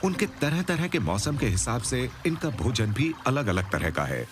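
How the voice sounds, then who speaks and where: A man narrating a nature documentary from a script, with a measured, explanatory storytelling delivery. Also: mid-range voice, sing-song, noisy background.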